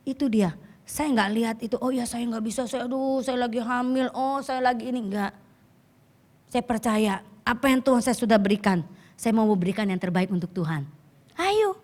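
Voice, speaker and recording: A woman pastor preaching a lively sermon with a hoarse voice, often calling out questions to the congregation. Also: medium pitch.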